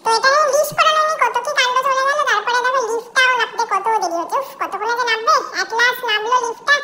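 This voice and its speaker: A bubbly young pet dog chatters about its first trip in an extremely high, squeaky voice. It tells its story at a quick, tumbling pace, like a playful pet-vlog narrator. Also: female voice, music in the background. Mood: excited.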